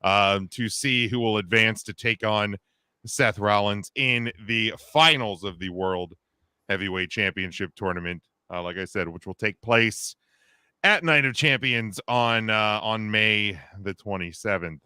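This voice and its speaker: A man's voice: fairly low pitch, unhurried, pushed and bright, smooth, no room sound, studio quality. A man in his thirties hosting a casual wrestling podcast, joking with co-hosts and reading the news with lots of fillers. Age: 30s. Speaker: podcast host.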